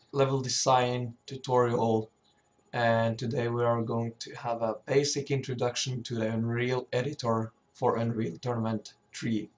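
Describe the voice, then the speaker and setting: Male tutorial presenter, slow and hesitant, mid-pitched, voice cracking from sickness. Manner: hesitant, often stumbling and throat-clearing. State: sick, sore voice. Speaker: tutorial presenter, level designer. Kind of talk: informal software tutorial.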